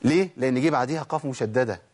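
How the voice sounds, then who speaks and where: A man with an Egyptian Arabic accent teaching Quran pronunciation. He asks questions and answers them himself, and draws out the sounds he demonstrates slowly. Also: mid-range voice, a little mellow. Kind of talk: pronunciation lesson.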